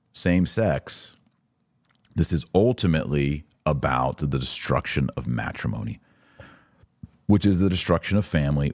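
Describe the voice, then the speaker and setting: Reading listener comments aloud and then giving his own blunt, emphatic, informal takes, a low-voiced man hosts a live podcast. His voice is a little mellow, and the close recording is dry with no echo.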